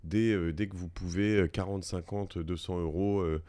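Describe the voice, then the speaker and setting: A man's voice: low-pitched, fairly even intonation, normal speed, mellow. A man hosting an interview, talking loosely with lots of fillers and restarts. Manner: loose, filler-heavy, conversational. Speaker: podcast host. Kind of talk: casual interview chat.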